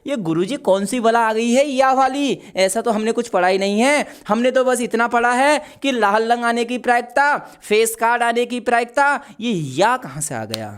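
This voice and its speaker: A man's voice: extremely high pitch, lively intonation, normal speed, hardly any pauses, clear, resonant tone. A man voicing a cheeky, curious schoolboy who asks his teacher naive questions. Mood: puzzled.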